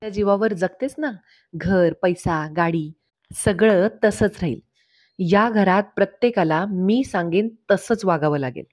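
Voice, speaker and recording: A woman's voice: mid-range voice, measured pace, no echo, studio quality, natural voice. A woman voicing a domineering wealthy mother, reading her orders in a cold, commanding tone while recapping a TV serial. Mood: stern.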